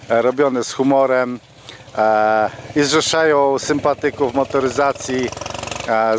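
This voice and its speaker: A middle-aged man speaking outdoors into a handheld mic as a rally commander, steady and full of drawn-out fillers. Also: mid-range voice, slight background noise. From Poland. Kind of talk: outdoor interview statement. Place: outdoors at a car rally parking area.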